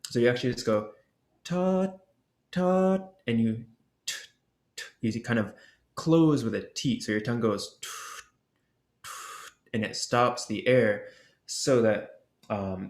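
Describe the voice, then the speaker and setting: A man presenting an ocarina workshop, explaining technique in a relaxed way and sounding out the syllables as he goes. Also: lowish voice, normal speed. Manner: casual, explains with demonstration syllables and fillers. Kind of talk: instructional explanation. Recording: roomy echo.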